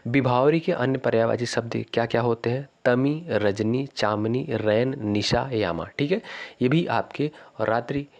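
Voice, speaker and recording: A man teaching an exam-prep lesson. He reads each quiz question slowly, often says it twice, calls his viewers friends and repeats the correct option. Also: medium pitch, darkish tone, highs cut off. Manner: repeats questions slowly, stretches words, keeps saying "friends".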